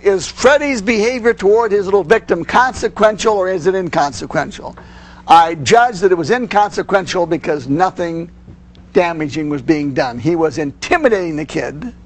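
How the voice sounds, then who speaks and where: Male lecturer, slightly higher voice, measured teaching delivery, acts out sample lines. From United States. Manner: measured, acts out example phrases. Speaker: parenting course lecturer. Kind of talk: instructional lecture.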